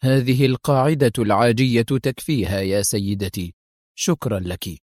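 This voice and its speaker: A man voicing a calm, sly old male Buddhist high monk who speaks quietly and slowly with suspicion. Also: no room sound, studio quality, close to an everyday voice. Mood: quiet, wary.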